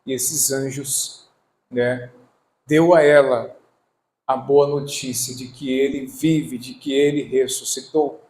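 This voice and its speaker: A man preaching a sermon as pastor, reading scripture slowly and emphatically and calling for responses. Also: medium pitch, fairly even intonation, darkish tone. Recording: echoey room.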